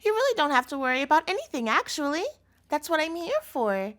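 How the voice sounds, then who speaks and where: A woman with a high, bright-ish voice speaks very animatedly and a little fast. In a scripted audio roleplay she plays an obsessive, doting captor girlfriend, addressing the listener directly with a cutesy tone that carries menace, her mood doting and insistent.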